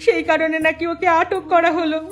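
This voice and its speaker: A woman's voice: extremely high pitch, level tone, fairly quick, over music. A woman voicing the distraught young wife of the accused man, who speaks in a tearful, pleading way. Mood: distressed.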